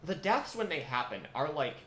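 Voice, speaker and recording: Podcast co-host, male, eager and chatty, slightly raised pitch, faint background hiss. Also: big pitch swings, pushed and bright. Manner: enthusiastic, quick, many fillers. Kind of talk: casual film discussion. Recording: echoey room with faint noise.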